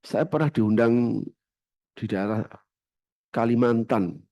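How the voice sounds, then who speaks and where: A middle-aged man with a Javanese accent preaching a sermon in a mosque and telling stories, swinging between loud outbursts and hushed asides. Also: medium pitch, takes it slowly, no room sound. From Java. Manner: storytelling with animated shifts between loud and hushed.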